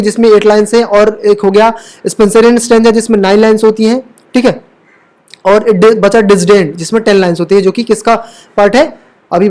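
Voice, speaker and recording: A woman's voice: mid-range voice, a little mellow. A woman teaching English literature for exam prep, asking rhetorical questions, checking in often and fixing her own slips as she talks. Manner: corrects own slips mid-sentence. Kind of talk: exam-prep lecture mixing Hindi and English terms.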